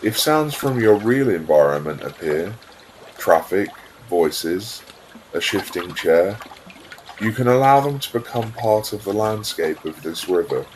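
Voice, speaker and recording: Very slowly and in a very low voice, a man narrates a scripted guided visualisation for meditation. His tone is calm and soothing with gaps between phrases, while clear trickling water plays behind him. The audio is poor, with slight background noise.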